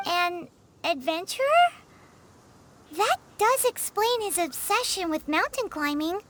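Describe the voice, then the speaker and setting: A woman voicing a tiny, childlike, cheeky fairy companion with a squeaky voice in an overacted anime game dub. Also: expressive, unhurried, a bit bright, heavily acted. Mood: eager, cheeky. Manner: squeaky, speaks of self in third person.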